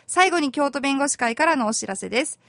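High-voiced woman hosting a radio talk show. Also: animated, fairly quick, creaky, no echo, clean studio sound. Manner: chatty, explaining law in plain everyday terms; friendly and polite, with many soft fillers.

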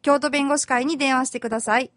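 A woman lawyer hosting a community radio talk show, explaining law in plain everyday terms in a chatty, polite way with soft fillers. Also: high voice, fairly even intonation, quick pace, no echo, clean studio sound.

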